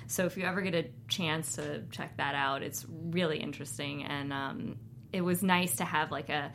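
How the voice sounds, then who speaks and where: Woman w a slightly low voice sharing theater trivia, some faint noise behind. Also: fairly even intonation, normal speed, fairly bright tone. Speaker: podcast co-host. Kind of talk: casual chat.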